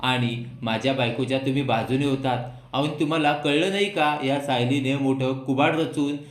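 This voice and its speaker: A man's voice: medium pitch, moderate pace, slight background noise, close to an everyday voice. A man voicing an angry young husband who heatedly accuses his family, recorded in an echoey room. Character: angry young husband, grieving jailed wife.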